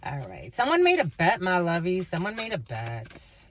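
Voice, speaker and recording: Her pitch is fairly low but swings hugely as this northeastern American woman does a casual live tarot reading at normal speed. A tarot and energy reader, she rambles with many fillers and addresses her viewers warmly, with a little hiss or hum in the audio.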